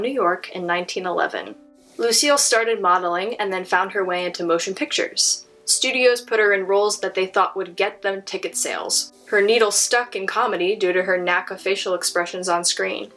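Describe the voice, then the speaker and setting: A woman's voice: mid-range voice, fairly quick, fairly bright tone, faint music behind. A woman narrating her own documentary film in an enthusiastic, personal way. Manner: enthusiastic, personal, laughs at times. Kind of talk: scripted narration.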